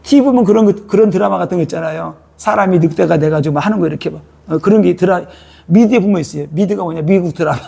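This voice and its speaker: A man's voice: high-pitched, very fast, vocal fry, warm tone. A male pastor preaching a sermon in a church, speaking colloquially and prodding listeners with a repeated "eh?".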